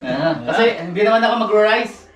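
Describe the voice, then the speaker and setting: A man's voice: high voice, lively intonation, brisk, over music. A man with a Filipino accent hosting a casual food vlog among friends, playful and mixing Tagalog with English. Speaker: vlog host. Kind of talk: casual chat over a meal. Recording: echoey room, far from the mic, noisy.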